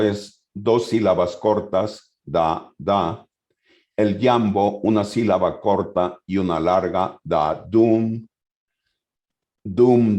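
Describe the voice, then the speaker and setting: A man giving a conference lecture, reading passages from his notes and then explaining them loosely, with hesitant pauses. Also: lowish voice, a little mellow.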